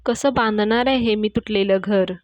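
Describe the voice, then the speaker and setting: A woman reading a heartbroken young woman's inner monologue, sorrowful and slow. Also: mid-range voice, dry recording, muffled recording, close to an everyday voice.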